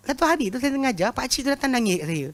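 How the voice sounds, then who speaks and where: A man with a Malaysian Malay accent teaching a religious class, telling lively anecdotes, often laughing and repeating words. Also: very high-pitched, rapid-fire. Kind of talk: lecture with humorous anecdotes.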